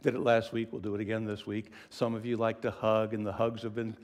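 A man preaching a sermon in an expressive, conversational way, asking the listeners questions and often dropping to a whisper for emphasis. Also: on the low side, a little fast. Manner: conversational, asks the congregation questions.

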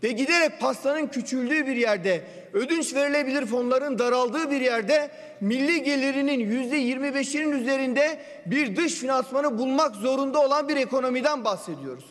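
A member of parliament delivers a budget speech into a podium microphone in a parliament general assembly hall, speaking assertively and firing pointed rhetorical questions. His voice is very high-pitched and fairly bright, a little fast with few pauses. The large chamber gives a long reverb.

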